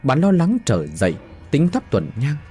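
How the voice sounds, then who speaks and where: A man's voice: medium pitch, moderate pace, soft background music. A man narrating a dramatic ghost folk tale. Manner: dramatic, expressive storytelling.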